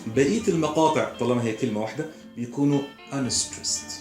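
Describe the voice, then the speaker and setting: A man with an Egyptian Arabic accent teaching English pronunciation, explaining slowly and repeating example words. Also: mid-range voice, darkish tone, roomy sound, soft background music. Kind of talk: recorded lesson.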